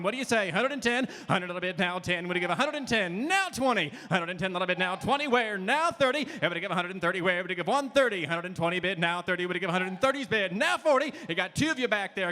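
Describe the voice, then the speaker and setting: A man's voice: sits high, pushed and bright. An American man doing an auctioneer's chant, rhythmic and repetitive as he calls bids in a large hall. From Indiana, United States. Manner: rhythmic, repetitive bid calling. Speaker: auctioneer contestant. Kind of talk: rapid-fire auctioneer chant. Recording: echoing hall PA sound.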